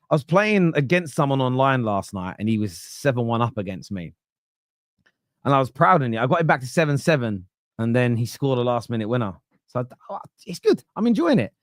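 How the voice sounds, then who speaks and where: A man's voice: medium pitch, dry recording, clean studio sound. A man in his late thirties hosting a live football fan podcast, chatty and joking. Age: 30s. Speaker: podcast host.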